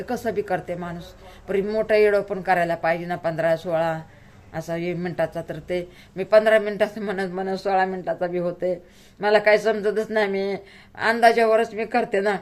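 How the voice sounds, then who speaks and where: Middle-aged woman, own voice, tearful pleading vlog talk, close to crying. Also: on the low side. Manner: pleading and tearful, rural Marathi speech. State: close to tears. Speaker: vlogger. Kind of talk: emotional personal vlog talk.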